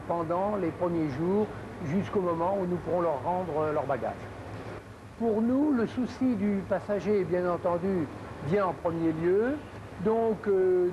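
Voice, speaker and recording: A man answering formally as an airline representative, with careful, hesitant official phrasing. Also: high voice. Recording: dull sound, vehicle noise behind.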